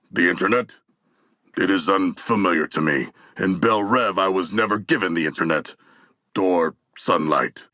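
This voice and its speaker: A man's voice: mid-range voice, creaky, bright, forceful tone, slightly rough, no echo, studio quality, full character voice. A man voicing a huge, bloodthirsty yet earnest shark king in a video game, speaking in formal, archaic, grandly declarative lines.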